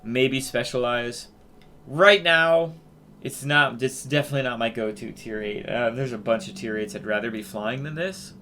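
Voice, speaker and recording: A man's voice: medium pitch, normal speed, bright, forceful tone, a little hiss or hum. A man hosting a flight-game video, giving casual, rambling commentary full of fillers and restarts. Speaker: gaming video host.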